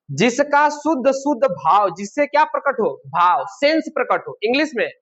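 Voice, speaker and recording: A man with a high-pitched voice teaches grammar to a classroom. He keeps firing questions at his students and then supplies the answers himself. The recording sounds dull and low-fidelity. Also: fairly bright tone. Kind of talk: classroom lesson.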